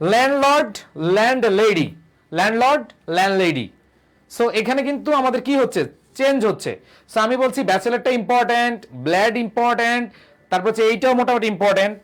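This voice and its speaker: A young man gives a live online grammar lesson, repeating his own questions and answering them, and reading out viewer comments. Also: high-pitched. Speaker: online English tutor.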